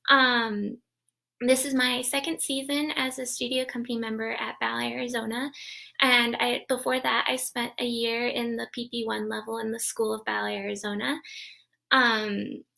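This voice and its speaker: A young woman from New Jersey chats on her live stream about dance. Her voice is bright and crisp, with a gravelly fry underneath, and it sits a little high. She talks in a friendly, loose way, with lots of ums and repeated words. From New Jersey, USA. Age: young adult. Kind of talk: casual live-stream talk.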